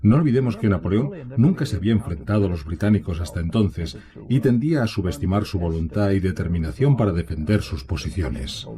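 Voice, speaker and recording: A man's voice: low-pitched, animated, fairly quick. A man giving dubbed expert commentary in a history documentary.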